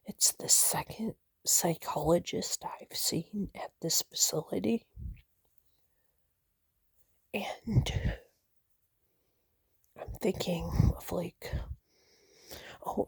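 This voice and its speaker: A woman whispering a personal vlog, nervous and shaky, halting with many fillers and restarts. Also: medium pitch, slightly rough, no echo. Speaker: vlogger.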